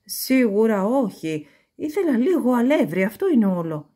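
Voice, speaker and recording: A woman doing a gentle, earnest storybook wolf. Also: fairly high pitch, big pitch swings, pitched above the performer's own voice. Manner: earnest, pleading, grumbling. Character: hungry but kindly male wolf, a baker at heart.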